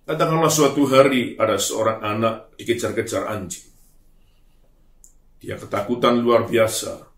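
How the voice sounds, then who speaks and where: A male pastor preaches in an earnest, emphatic voice at a middle pitch, letting each phrase sink softly at its end. His voice carries a roomy echo. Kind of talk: sermon.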